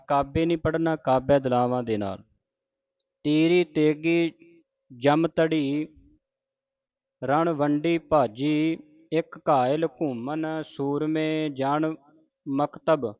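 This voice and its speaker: A man teaching scripture pronunciation, reciting verses slowly in a measured chant and stopping to correct words. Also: a little high, no echo, dull audio. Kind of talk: slow recitation lesson with corrections.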